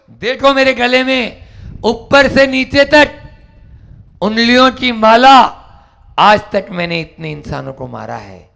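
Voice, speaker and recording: A man voicing a boastful, violent male bandit chief who talks loudly and threatens. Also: on the low side, creaky, voice pushed down, exaggerated voice.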